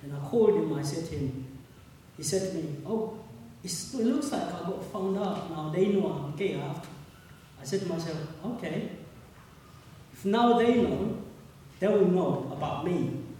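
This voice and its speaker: Man, 30s, earnest halting testimony, slightly high mellow voice, distant mic in an echoey hall. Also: animated, a little hiss or hum. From Uganda. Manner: earnest, halting, repeats words. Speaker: speaker at a public meeting. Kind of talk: personal testimony.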